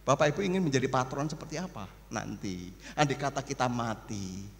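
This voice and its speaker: A man preaching a sermon as pastor, animated, acting out mourners and gossip in small voices. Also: mid-range voice, fairly quick, vocal fry. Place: church hall. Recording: echoey church hall with long reverb.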